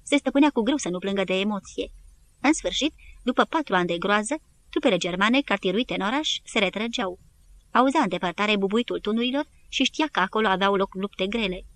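A woman narrating a war history audiobook in an even, measured reading. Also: medium pitch. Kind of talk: scripted narration.

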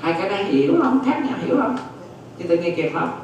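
Monk teaching dharma, high animated voice, heavy echo from a distant mic. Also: male voice, fast, highs cut off, a little hiss or hum. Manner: keeps checking that listeners follow, repeats phrases. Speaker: Buddhist monk teaching Abhidhamma. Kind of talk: dharma lecture. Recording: very echoey hall, distant mic.

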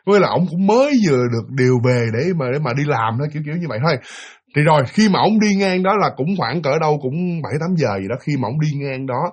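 A man's voice: fairly high pitch, expressive, fast. A man with a Southern Vietnamese accent telling a ghost story in a chatty way, speaking straight to his listeners. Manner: chatty, addresses listeners directly. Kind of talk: spooky storytelling.

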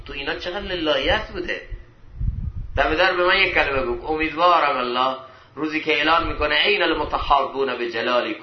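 A man preaching a storytelling sermon in a mosque, swinging between loud emphatic peaks and soft low asides, with an Eastern Iranian accent. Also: roomy sound, highs cut off, slight background noise. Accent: Eastern Iranian, Khorasan. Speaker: preacher explaining classical poetry. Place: mosque hall.

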